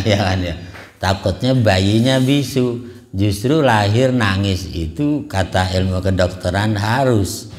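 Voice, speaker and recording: Slow, low-voiced man preaching casually. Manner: conversational, frequent rhetorical "ya kan" asides and light chuckles. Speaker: ustadz giving a religious study talk. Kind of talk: casual mosque sermon. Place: small neighborhood prayer hall.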